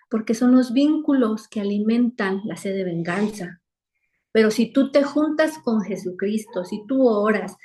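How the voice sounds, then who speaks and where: A woman's voice: mid-range voice, a little mellow. Earnest woman teaching a Bible lesson. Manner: earnest, repeats phrases for emphasis. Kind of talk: weekly online Bible lesson. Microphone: video call.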